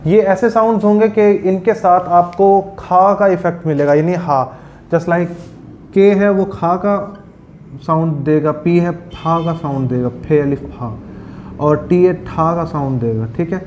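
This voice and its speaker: A man teaching pronunciation, repeating each word slowly and switching into Urdu-Hindi to explain. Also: high voice, a little mellow, lo-fi sound. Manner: slow, repeats each word several times. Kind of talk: pronunciation lesson. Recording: faint background noise.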